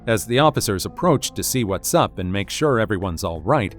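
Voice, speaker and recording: A man's voice: fairly low pitch, lively intonation, fairly quick, faint music behind. A man reading a scripted narration with a wry, dramatic storytelling manner.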